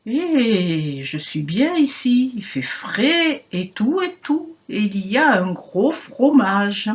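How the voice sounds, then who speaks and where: A woman's voice: mid-range voice, big pitch swings, slow pace. A woman voicing a sly, hungry male wolf in a children's storybook reading, speaking in a mocking tone. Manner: mocking, laughing.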